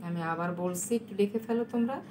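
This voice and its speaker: Bangladeshi woman teacher dictating slowly. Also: mid-range voice, background noise. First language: Bengali. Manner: dictates English sentences slowly for note-taking. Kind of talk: recorded video lecture.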